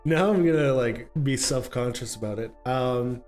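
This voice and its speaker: A man's voice: medium pitch, moderate pace, a little mellow, soft background music. A man in his late twenties hosting and running a tabletop game, chatting casually with many fillers. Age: late 20s. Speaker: game master and host. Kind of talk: casual chat.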